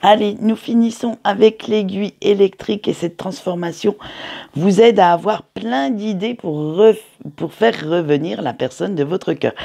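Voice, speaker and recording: A woman reads a monthly horoscope from her cards in a slow, unhurried way. Her voice is gravelly and husky, with a dark, mellow tone. She gives gentle advice and laughs off her own slips. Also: lowish voice. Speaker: tarot and horoscope reader. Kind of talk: monthly horoscope card reading.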